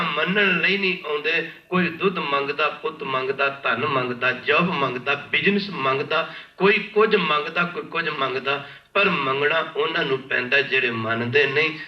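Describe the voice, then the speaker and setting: A man from India preaching a sermon with storytelling, impassioned and repeating his phrases, often pausing to beg the congregation's pardon. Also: fairly high pitch. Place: large worship hall. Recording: echoey hall, distant mic, dull lo-fi.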